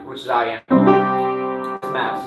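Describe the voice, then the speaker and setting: A man as a vocal coach, talking himself through a live warm-up and explaining each step as he goes. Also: moderate pace. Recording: roomy, distant mic with loud piano. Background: piano playing.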